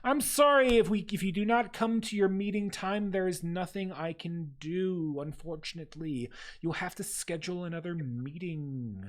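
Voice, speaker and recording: A man's voice: high voice, normal speed, close to an everyday voice. A man voicing a brusque female government desk clerk with officious, bureaucratic politeness. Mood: curt.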